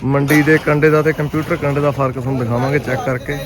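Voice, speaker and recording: A man's voice: medium pitch, level tone, quick pace, a crowd in the background. A man with a Punjabi accent, a farmer narrating a casual vlog outdoors and chatting with those around him. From Punjab, India. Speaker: farmer and vlogger. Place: outdoors at a grain market. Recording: outdoor recording with loud engine noise. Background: loud vehicle engines and outdoor ambience.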